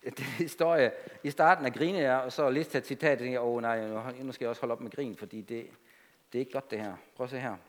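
A man preaching a sermon to a congregation, emphatic and animated, with conversational asides. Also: mid-range voice.

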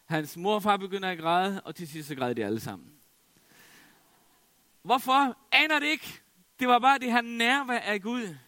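A man's voice: high voice, sharp tone, no echo. A middle-aged man preaching a sermon, telling a story with many fillers and restarts. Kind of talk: sermon testimony.

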